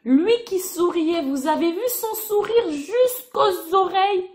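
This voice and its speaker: High-voiced woman storytelling for kids. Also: slow pace. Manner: animated, addresses children, sound effects. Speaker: children's Bible storyteller. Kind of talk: storytelling to children.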